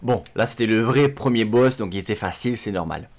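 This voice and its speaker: A man's voice: on the low side, brisk. A man giving casual gameplay commentary, with sweary, self-mocking asides. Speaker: gamer commentating a playthrough. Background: game music.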